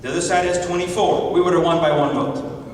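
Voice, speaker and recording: Picked up from afar in an echoey meeting hall, this man's high voice moves a little fast with fairly even intonation, over slight background noise. He's a pastor from Iran and a public speaker, addressing a live audience with forceful political rhetoric and firing questions at them.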